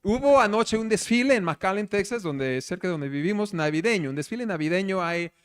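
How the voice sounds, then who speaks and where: Lively, animated male pastor preaching. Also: sits high, brisk, clear, resonant tone. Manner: animated storyteller, asks the congregation questions. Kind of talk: conversational sermon. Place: church service.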